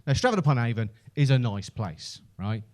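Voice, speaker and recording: A man's voice: mid-range voice, very animated, a little fast, a little mellow. A man with a Birmingham Brummie accent telling stand-up stories in a conversational, self-deprecating, sweary way. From Birmingham, England. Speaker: stand-up comedian. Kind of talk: stand-up comedy storytelling.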